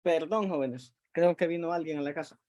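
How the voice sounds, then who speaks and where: A teacher giving an online class from home, explaining patiently, with frequent "eh" fillers and quick check-ins with the students. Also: mid-range voice, mellow, no room sound, studio quality.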